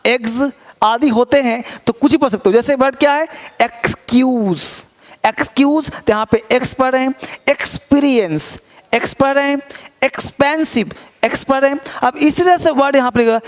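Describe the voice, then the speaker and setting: A man teaching an English lesson, repeating words over and over and asking questions that he answers himself. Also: extremely high pitch. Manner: asks quick questions and answers them himself.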